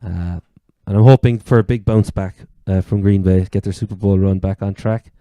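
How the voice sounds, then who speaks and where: A man's voice: on the low side, fairly even intonation, moderate pace, mellow, clear, resonant tone, no echo. A man with an Irish accent from Cork, hosting a casual sports chat. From Ireland. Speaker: sports podcast host.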